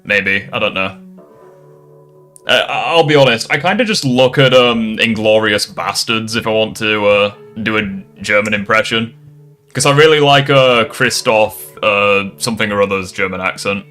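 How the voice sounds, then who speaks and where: A man on his own channel rebutting critics in casual, profane commentary. His voice sits a bit low but has a bright, forceful edge. Faint music plays beneath. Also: moderate pace. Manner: irreverent, swears, rambling asides. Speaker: YouTuber responding to critics.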